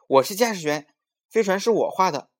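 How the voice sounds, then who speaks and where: A man voicing an eager, stubborn little boy who brags in a childish, excited voice. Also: medium pitch, measured pace, lightly acted.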